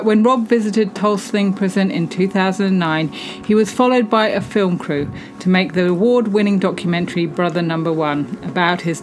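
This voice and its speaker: Calm woman narrating a voice-over. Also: fairly low pitch. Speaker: vlog co-host and narrator.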